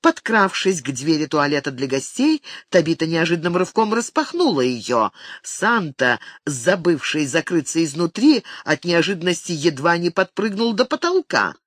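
An audiobook narrator reading a novel aloud, with expressive, animated delivery. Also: mid-range voice, normal speed, dry recording, studio quality. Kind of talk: scripted narration.

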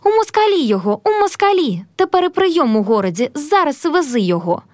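A shrill, spiteful noblewoman, as a woman narrator puts her on, voice leaping high and low in sharp outrage. The sound is close and dry, with no room around it. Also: very animated, fast talker, dry recording. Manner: shrieking, indignant. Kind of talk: audiobook character reading.

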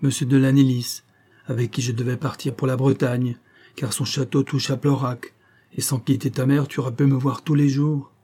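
A man's voice: mid-range voice, level tone, moderate pace, dark tone, natural voice. A man voicing an anguished young woman defending herself to her lover in an audiobook, in urgent, pleading sentences.

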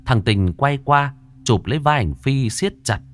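A male storyteller narrating a ghost story in a tense, expressive way. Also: mid-range voice, measured pace, faint music behind.

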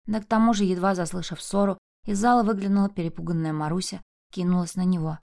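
A woman's voice: on the low side, steady tone, fast talker, vocal fry, darkish tone. A woman narrating a novel as an audiobook in a tense, dramatic reading.

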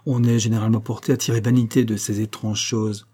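A man reading a classic novel aloud in a steady, measured narration. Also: fairly low pitch, husky. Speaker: audiobook reader.

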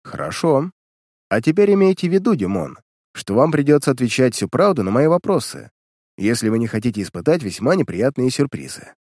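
A hard-edged male detective from an old pulp audiobook, snapping short commanding questions, as a man reading the story puts him on. His pitch moves a lot, and the voice sits close and dry with no room around it. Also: big pitch swings, fairly quick, darkish tone, no room sound. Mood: stern.

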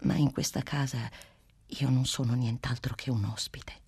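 A reader voicing an aging woman schoolteacher who speaks in a hushed, half-whispered, confiding way. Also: very deep voice, fairly even intonation, moderate pace, husky, dry recording, pitched below the performer's own voice, full character voice. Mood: weary confiding. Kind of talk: literary reading of dialogue.

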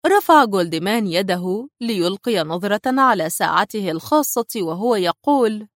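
Lady reading a thriller audiobook, very expressive, swoops around, dry sound. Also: medium pitch, normal speed, no room sound. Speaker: narrator. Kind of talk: audiobook narration.

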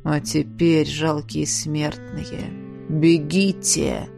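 A woman voicing a menacing aristocratic male vampire prince who speaks slowly in a rustling, commanding tone. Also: on the high side, flat delivery, gravelly, music in the background, pitched below the performer's own voice, exaggerated voice. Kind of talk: audiobook character voice.

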